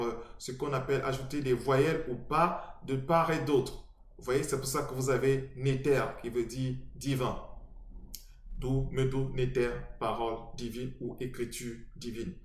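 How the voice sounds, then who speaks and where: A man giving an informal video lesson, explaining step by step with frequent restarts and spelled-out letters. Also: mid-range voice. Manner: hesitant, many restarts and fillers, spelling out letters. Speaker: teacher presenting a video lesson. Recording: echoey room.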